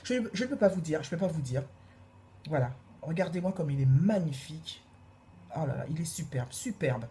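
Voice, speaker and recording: A woman reviewing makeup in a casual, gushing way, repeating her praise and filling pauses with hesitations. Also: deep voice, animated, dark tone. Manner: gushing, repeats praise words, many fillers. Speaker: beauty vlogger.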